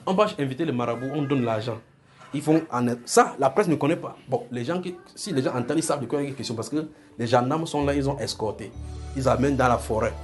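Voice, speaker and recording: Soft music plays behind a man preaching fast in a medium-pitched voice. With a Francophone African accent, he gives an extempore prophetic sermon to a congregation, repeating phrases and checking that everyone is following.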